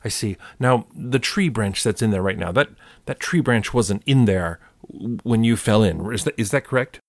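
A man's voice: fairly low pitch, normal speed, no room sound. A man voicing a hesitant, clever hare who hums and stammers while judging a dispute. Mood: musing.

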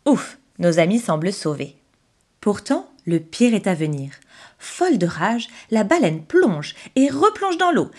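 Lively woman reading a children's storybook. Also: medium pitch. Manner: expressive, dramatic narration.

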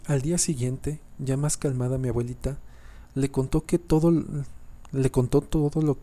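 Flat, dark-voiced storyteller. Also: male voice, medium pitch. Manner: reads haltingly, often restarting and repeating sentences. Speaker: horror story narrator. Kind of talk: scripted horror story narration.

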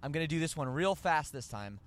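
A man's voice: on the high side, expressive, a little fast. A man with a Canadian accent hosting a podcast, rambling and joking as he corrects himself. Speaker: podcast host. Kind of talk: casual podcast chat.

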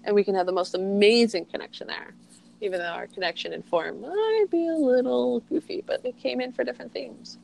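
A woman's voice: fairly high pitch, a little fast, creaky, darkish tone, poor audio. A middle-aged woman talking in a reflective, rambling way as an interview guest, peppering her speech with "like.". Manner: rambling, heavy use of "like". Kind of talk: reflective casual conversation.

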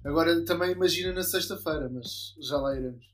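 A man's voice: fairly high pitch, brisk, fairly bright tone. A man chatting casually as a football podcast panellist, circling back and repeating himself. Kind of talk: casual chat.

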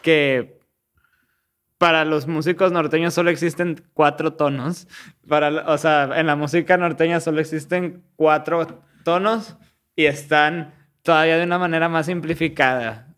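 A man's voice: fairly high pitch, a bit bright, smooth. A man, casually explaining music theory step by step on a podcast, slangy and full of restarts.

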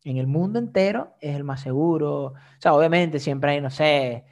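A young man, a guest telling his story in a casual, slangy and animated way. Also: a little high, moderate pace. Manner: animated, slangy, frequent filler "o sea". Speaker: interview guest, migrant living abroad.

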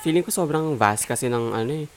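A man's voice: mid-range voice, animated, fast talker, slight background noise. A man co-hosting a podcast in casual chat, playful and teasing. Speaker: podcast co-host.

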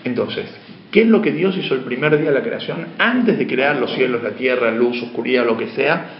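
A man's voice: mid-range voice, expressive, normal speed. Male teacher, lecturing a class and questioning it, faint hum behind, dull recording. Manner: asks questions of the class, shifts between emphatic and hushed. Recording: dull, roomy lo-fi room sound.

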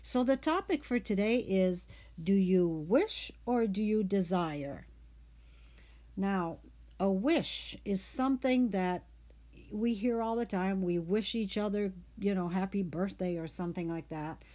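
A woman hosts a reflective talk about what words mean, speaking unhurriedly and thoughtfully with fillers. Her medium-pitched voice is animated and dark in tone.

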